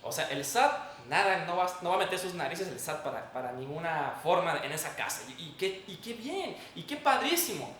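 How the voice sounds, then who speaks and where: A man with a Mexican accent preaches at normal speed with few pauses, his slightly high, fairly bright voice swinging widely in pitch. Emphatic and didactic, he moves through Bible reading and prayer, captured by a far-off mic in an echoey room with faint noise.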